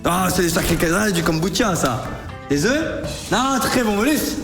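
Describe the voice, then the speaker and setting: A man giving excited livestream commentary as he plays slots. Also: sits high, normal speed, gravelly. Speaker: gambling streamer. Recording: roomy echo, faint music behind.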